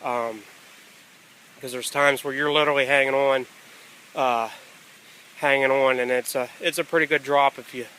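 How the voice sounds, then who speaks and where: A man with a bright, forward voice talks casually to his camera on a hike. His delivery is halting and unscripted, with thoughts left hanging and picked up again. The sound is outdoor camera audio with faint ambient noise behind him. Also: mid-range voice, steady tone, low-quality recording. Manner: halting, pausing mid-thought. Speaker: hiker filming a trail vlog. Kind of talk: casual unscripted vlog narration. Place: outdoors on a wooded rocky trail near a stream.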